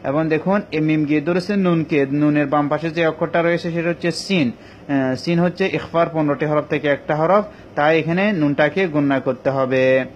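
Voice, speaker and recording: A male teacher giving an online Quran recitation lesson, explaining each rule patiently and step by step with many pauses. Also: on the high side. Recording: dull lo-fi recording with faint ambient noise.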